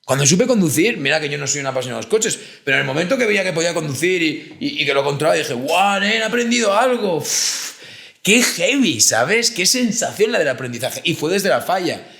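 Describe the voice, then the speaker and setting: A man talks in a casual podcast chat, his slightly high voice carrying a gravelly edge. He tells animated stories and slips into acted-out quotes, and the room around him sounds echoey. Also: fast, few pauses. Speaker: podcast co-host, therapist. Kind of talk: casual conversation.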